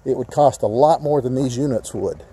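A man walking around a rural property as he shows how he set up a network link, explaining in a plain, casual way with frequent pauses. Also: medium pitch, dark tone, slightly rough, poor audio. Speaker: tech installer demonstrating a setup. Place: outdoors on a rural property and inside a barn office. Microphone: handheld phone camera, filming while walking.

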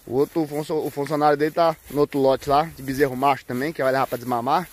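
A man vlogging on a cattle farm, talking casually to viewers and breaking off to yell loud herding calls at the cows. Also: medium pitch, fairly even intonation, fast. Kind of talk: casual farm vlog narration. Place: outdoors on a cattle farm, by the corrals.

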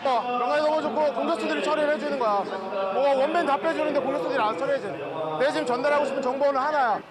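A man's voice: extremely high pitch, very fast, low-quality recording. A man coaching a volleyball team, giving direct, urgent tactical instructions in a huddle. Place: large indoor arena, courtside. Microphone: TV broadcast mic near the huddle. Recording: loud crowd and music, arena broadcast. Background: crowd and music.

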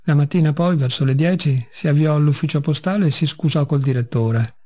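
A man narrating a classic story as an audiobook reader, with measured, dramatic storytelling. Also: a little high, mellow.

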